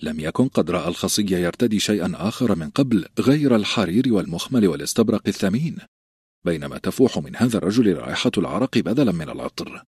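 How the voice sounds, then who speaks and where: A man narrating an audiobook in a measured storytelling manner, close to the mic. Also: low voice, animated, darkish tone, slightly rough, dry recording. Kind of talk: scripted narration.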